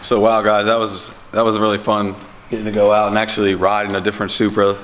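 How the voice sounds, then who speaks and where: Laid-back man with a low voice. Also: monotone, fast talker, heavy background noise. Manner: laid-back, filler-heavy. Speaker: vlog host. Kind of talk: casual vlog talk.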